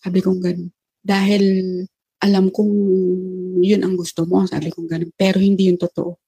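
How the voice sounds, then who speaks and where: A woman tells a personal story in a casual, unpolished way, often stopping to restart her sentences as she retells what was said. Her voice is husky and mellow, with a flat, level delivery. The recording is dry, with no room sound. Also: on the low side, no room sound. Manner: retells dialogue with many "I said" tags and halting restarts. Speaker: storyteller recounting a personal experience.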